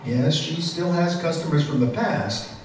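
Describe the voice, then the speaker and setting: A male reporter narrating a news feature in a measured, crisp way. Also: fairly high pitch. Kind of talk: scripted narration. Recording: echoey, distant, noisy.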